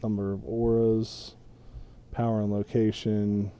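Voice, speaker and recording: Low, dark-voiced man as game master. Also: level tone, unhurried, smooth. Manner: patient, rules-explaining. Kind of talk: running a tabletop game.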